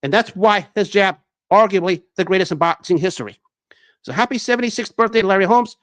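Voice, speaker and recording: A man's voice: sits high, brisk. A man hosting a sports talk show, delivering an enthusiastic commentary monologue with frequent restarts and fillers.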